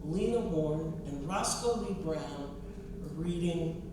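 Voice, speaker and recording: Low-voiced and slow, this poet and professor reads her work live and addresses the audience with expressive emphasis and deliberate repetition. The recording is distant, heavily reverberant, and noisy.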